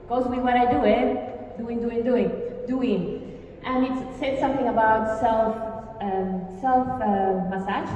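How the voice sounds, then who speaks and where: Speaking medium-pitched to a live audience in a big hall, this Argentine workshop speaker keeps things lively and engaging, asking the crowd questions. The distant microphone leaves her sounding echoey and dull, with faint ambience and a touch of hiss or hum.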